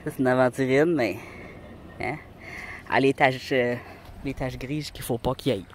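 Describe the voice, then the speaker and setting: A woman's voice: rumbling low, moderate pace, a little hiss or hum. A woman with a Québécois accent, chatting casually to viewers while hunting rocks outdoors with a handheld phone. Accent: Québécois French. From Quebec. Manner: chatty and rambling, talks to viewers. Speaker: rock-hunting vlogger. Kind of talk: casual outdoor vlog narration. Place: outdoors on a mountain. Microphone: handheld phone camera.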